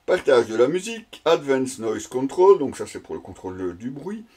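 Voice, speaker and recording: A product reviewer gives a casual, improvised unboxing commentary, speaking conversationally and hesitantly while he searches for words. His mid-range, darkish-toned voice is very animated and moves at a moderate pace.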